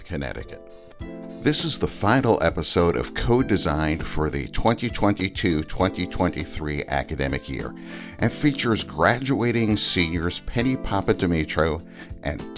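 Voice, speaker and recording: A sixty-year-old man hosting a campus podcast, his voice sitting low and deep. His delivery swings widely in pitch, and he teases his guests in a playful way. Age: 60s. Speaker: podcast host. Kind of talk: podcast interview with a scripted intro.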